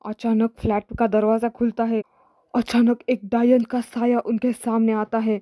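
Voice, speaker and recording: A woman's voice: fairly high pitch, level tone, normal speed, warm tone, dry recording, studio quality. A woman narrating a horror story in a dramatic reading voice, acting out every character herself.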